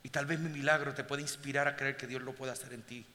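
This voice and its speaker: A man's voice: medium pitch, fairly even intonation, quick pace. Preaching man in a reverberant hall. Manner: swings from hushed intimacy to loud exhortation. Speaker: pastor. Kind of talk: storytelling sermon. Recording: long hall reverb, faint ambience.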